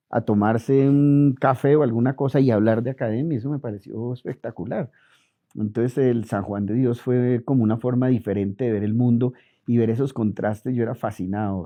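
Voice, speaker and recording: A middle-aged Colombian man being interviewed, telling lively stories and acting out quoted dialogue. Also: medium pitch. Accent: Colombian Spanish. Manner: animated anecdotes, acts out quoted dialogue. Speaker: interviewed physician. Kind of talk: relaxed storytelling interview. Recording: dull lo-fi audio.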